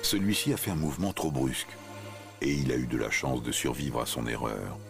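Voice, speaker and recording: A man's voice: a bass voice, brisk, vocal fry, over loud music. A man reading scripted narration for a nature documentary.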